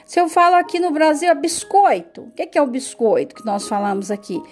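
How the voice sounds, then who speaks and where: A woman's voice: high-pitched, sing-song, brisk, music in the background. A Brazilian woman with a Brazilian Portuguese accent, teaching English vocabulary in a casual way, repeating words and adding frequent tag questions. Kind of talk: casual lesson monologue.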